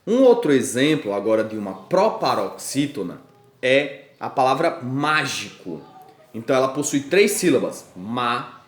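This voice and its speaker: A man's voice: medium pitch, sing-song, normal speed, reverberant. A man with a Brazilian Portuguese accent teaching a grammar lesson to schoolchildren, patiently drawing out and stressing syllables in his examples.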